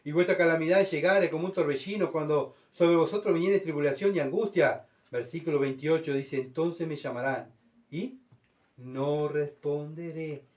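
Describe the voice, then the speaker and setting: A man preaching a sermon, his voice on the high side for a man. He reads scripture and acts out crowds and God in dramatic bursts. He stands some way off the microphone. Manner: dramatic, voicing God and mocking crowds in heightened tones. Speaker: pastor. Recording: voice from far off the mic.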